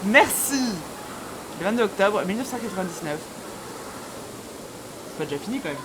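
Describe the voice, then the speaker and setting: A woman's voice: mid-range voice, expressive, moderate pace, noisy background. A woman streaming a horror game live, chatting informally and jokingly to viewers with scared, easily startled reactions.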